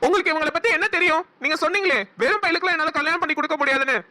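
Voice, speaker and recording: Actor voicing young cartoon brother, high and fast. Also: sharp tone. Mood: angry. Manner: fast, defensive. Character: young man, protective elder brother. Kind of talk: cartoon voice acting.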